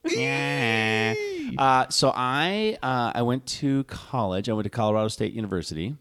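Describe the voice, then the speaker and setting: A man's voice: medium pitch, expressive, a little slow, fairly bright tone, smooth, no echo, clean studio sound. A man from Hawaii, a podcast guest telling rambling stories full of fillers and restarts. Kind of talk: casual podcast chat.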